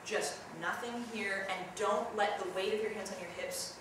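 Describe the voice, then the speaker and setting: Leading a theatre workshop for a group of students, a young woman speaks at normal speed in a steady, medium-pitched voice. She's chatty and demonstrative, breaking into loud yelled examples. The recording comes from a distant camera mic far across a large echoey room and is noisy.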